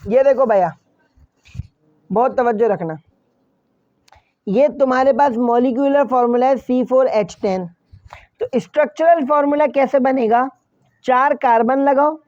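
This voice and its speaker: With an extremely high pitch and a darkish tone, a man leads a chemistry lesson, repeating key points and speaking straight to his students while answering his own questions. The recording is muffled, with no room sound.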